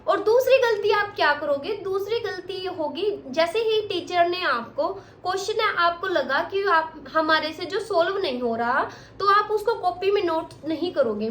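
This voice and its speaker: A woman's voice: very high voice, fairly bright tone, slight background noise. A woman coaching exam students, talking directly and scolding them while repeating her points. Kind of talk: motivational study advice to students. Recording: echoey room with faint ambience.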